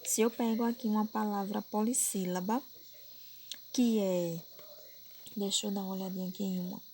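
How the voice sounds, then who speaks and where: A woman's voice: medium pitch, fairly even intonation, moderate pace, warm tone, a little hiss or hum. A woman with a Brazilian Portuguese accent teaching a recorded grammar lesson, patiently repeating points and checking that her pupils follow. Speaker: primary school teacher.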